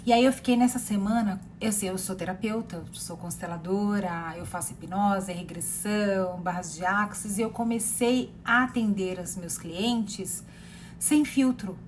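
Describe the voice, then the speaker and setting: A woman in her thirties with a Brazilian accent, a therapist telling a personal story in a rambling, animated way with many fillers and repeated words. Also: mid-range voice, measured pace, a little hiss or hum. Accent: Brazilian Portuguese. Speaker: therapist sharing personal experience.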